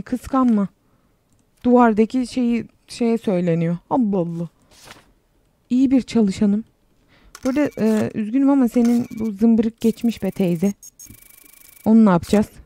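Young woman chatting through a game, sarcastic, reads stuff out loud, warm mellow tone. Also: mid-range voice, dry recording. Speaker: game streamer. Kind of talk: casual gameplay commentary.

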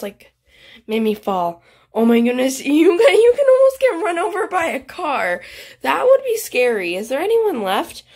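A young woman casually commenting on a game she is playing, excitable and chatty, often gasping and laughing. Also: medium pitch. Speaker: gaming channel host.

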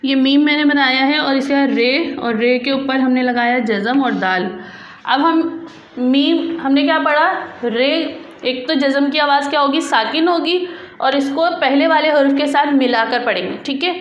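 A woman teacher leads young pupils through a reading lesson with slow, patient repetition. Her voice sits high and carries an unhurried pace. The recording has a roomy echo and a faint hum underneath. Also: dull audio. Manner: slow, patient, repeating each word for pupils. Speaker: school teacher. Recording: echoey classroom with faint hum.

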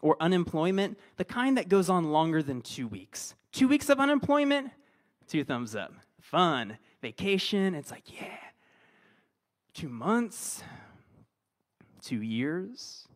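A man preaching a conversational sermon, playful and self-deprecating, often dropping to hushed, almost whispered words. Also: high-pitched, big pitch swings, slow. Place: church gathering.

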